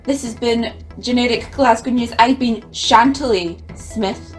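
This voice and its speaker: A woman's voice: fairly high pitch, unhurried, faint music behind, lightly acted. A woman voicing a brusque woman news reporter who gives curt denials and a stiff sign-off.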